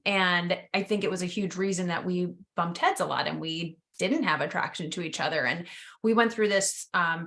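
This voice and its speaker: Reflective woman podcast host, lowish voice. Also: a bit bright. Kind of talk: casual podcast interview.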